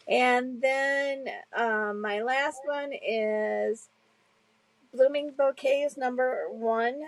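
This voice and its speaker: Higher-pitched woman, chatty and hesitant. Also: no room sound, low-quality recording. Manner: chatty, hesitant with many ums. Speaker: co-host. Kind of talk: casual chat.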